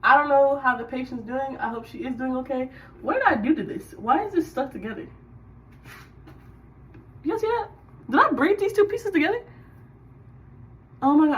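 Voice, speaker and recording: Woman, fairly high voice, chatty storyteller, animated, a bit off the mic. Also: recorded from a distance, a little hiss or hum, low-quality recording. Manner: chatty and animated, with sudden loud bursts. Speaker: radiology tech telling a work story. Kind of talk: casual storytime while doing hair.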